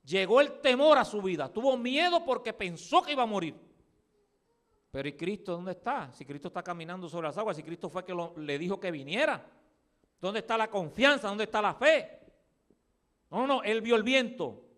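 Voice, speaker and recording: Male pastor, radio sermon, high voice, dramatic swings from hushed musing to loud cries, acts out Bible scenes. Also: animated, moderate pace. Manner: swings between loud emphatic cries and quiet, low musing. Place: radio studio or church pulpit.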